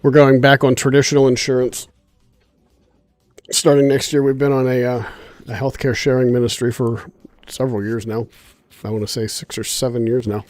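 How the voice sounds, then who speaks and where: On a gaming stream, a man with a medium-pitched, slightly mellow voice rambles at a normal speed with flat delivery and no echo. His speech is congested and nasal, easygoing and chatty, full of fillers as he muses aloud.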